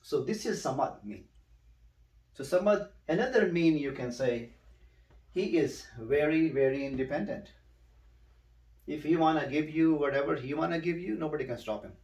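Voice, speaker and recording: A man tutoring one student in recitation, patiently explaining and repeating words slowly so the student can echo them. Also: fairly high pitch, animated, a little mellow, distant mic. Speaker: Quran recitation teacher. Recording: roomy, a bit off-mic.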